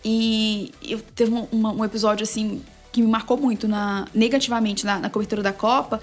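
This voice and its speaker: Woman sports reporter chatting, quick and emphatic, faint music behind. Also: fairly high pitch. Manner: animated storytelling, quick and emphatic. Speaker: sports journalist and play-by-play narrator, guest. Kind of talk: casual interview chat.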